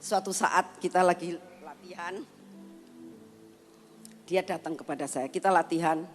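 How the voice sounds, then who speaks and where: An older woman giving an animated church testimony, telling a story and acting out the dialogue of its people. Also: lowish voice, measured pace, faint music behind. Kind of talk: sermon testimony.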